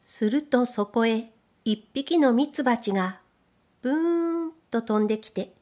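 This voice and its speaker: Brief: a woman storyteller for a children's book, with a slightly high voice and a slow, measured pace. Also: expressive. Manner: gentle, careful, measured. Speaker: reader and voice trainer. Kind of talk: storybook narration.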